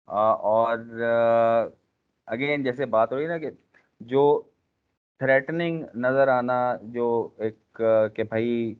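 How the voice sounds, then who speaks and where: A man teaching a class in a lecture style, pausing often with fillers and speaking directly to his trainees. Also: mid-range voice, clear, resonant tone. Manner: frequent filler pauses, addresses class directly. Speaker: instructor. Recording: tinny phone-like lecture recording.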